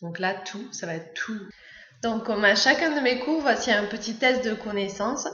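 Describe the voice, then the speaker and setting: A woman's voice: a little high, moderate pace, a bit bright, reverberant. French woman teaching English, lo-fi sound. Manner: explains step by step, many hesitations and fillers. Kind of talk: language lesson narration.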